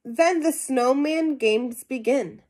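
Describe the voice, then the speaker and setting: This young adult storybook reader has a high-pitched, darkish voice and takes her time. She reads a picture book aloud to children in a small room at home, adding easy questions and side comments, with slight background noise.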